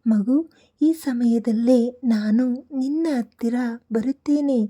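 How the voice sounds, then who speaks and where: A woman narrating a soft devotional night-time message, speaking gently and soothingly and addressing the listener tenderly as a child. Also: fairly high pitch, takes it slowly.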